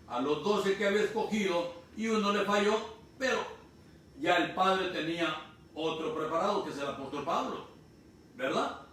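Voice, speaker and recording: A man from Honduras preaching a sermon, explaining slowly and repeating key phrases. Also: a little high, a bit bright. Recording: distant mic in echoey room, faint noise.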